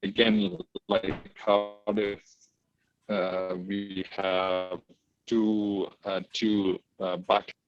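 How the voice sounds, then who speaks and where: A man speaking on a video call from work at a hospital, his audio choppy and breaking up, so his words come out halting and fragmented. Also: deep voice, little pitch movement, dull audio, faint music behind. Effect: choppy, breaking-up video-call audio that drops out. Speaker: hospital clinician. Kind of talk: online panel discussion.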